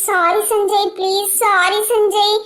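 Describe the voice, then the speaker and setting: A timid squeaky cartoon girl. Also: level tone, slow, fairly bright tone, exaggerated voice. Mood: apologetic. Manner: fretful, apologetic. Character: young woman employee, timid and sweet.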